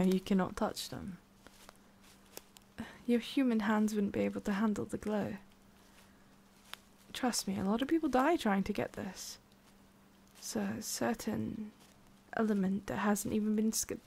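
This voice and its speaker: A woman takes on the role of a centuries-old woodland witch for an ASMR roleplay, talking directly to the listener. Her voice, at a normal female pitch, has lots of fry; she comes across as haughty and prickly with softness underneath, musing haltingly and sounding proud.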